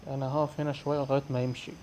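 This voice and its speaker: Excitable Egyptian man narrating a horror game. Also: mid-range voice, racing, a little hiss or hum. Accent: Egyptian Arabic. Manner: excitable, shouts and swears when scared. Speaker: gamer.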